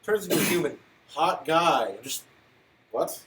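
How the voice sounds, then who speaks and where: A man's voice: fairly high pitch, lively intonation, a little slow, echoey room. A man co-hosting a casual podcast, rambling through his points with lots of fillers and building to exasperated questions. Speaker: podcast co-host. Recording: distant mic, faint noise.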